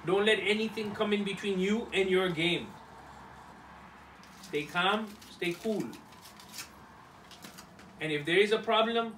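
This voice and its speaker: A man's voice: high voice, a bit bright. A man giving a motivational team talk as a leader, emphatic, repeating short phrases. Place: echoey indoor room, locker room. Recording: roomy, distant mic, background noise.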